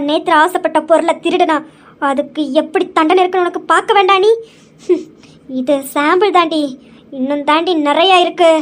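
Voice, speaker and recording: A woman voicing a jealous, scheming young woman villain who talks in slow, low asides. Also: fairly bright tone.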